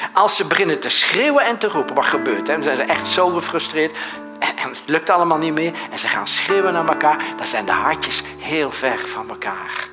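Dutch pastor man, loud then hushed. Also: on the high side. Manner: anecdotal, swings from loud and animated to soft and hushed. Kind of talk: sermon.

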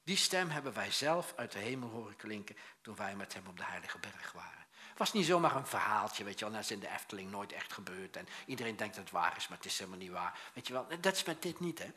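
A male preacher delivers a lively sermon, full of asides and restarts. His voice is bright and forceful. He swings between loud bursts and quiet, dropped phrases. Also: on the low side, quick pace, few pauses. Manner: animated storytelling with many restarts and asides; acts out quoted voices, swings loud and soft.

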